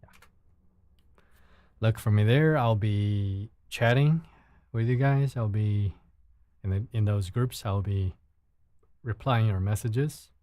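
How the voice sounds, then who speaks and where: Slow, with long pauses, a young man from China hosts a casual livestream at home late at night, his fairly low, mellow voice free of echo. A native Mandarin speaker, he has a Chinese accent and often repeats words while looking for the English he needs.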